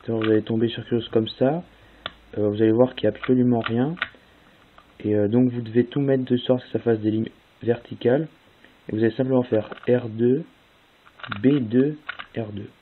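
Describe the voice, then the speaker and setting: Young male tutorial host, relaxed and chatty, reads out move sequences; lo-fi audio with faint hiss. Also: mid-range voice, moderate pace. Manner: casual, spells out move sequences step by step with fillers. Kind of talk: casual tutorial explanation.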